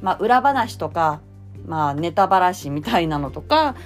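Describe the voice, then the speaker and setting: A woman giving casual spoken advice on a voice blog, talking cheerfully in a deliberately raised, bright tone, with plenty of fillers. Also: on the low side, big pitch swings, faint music behind. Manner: cheerful, chatty, lots of fillers. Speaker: voice blogger.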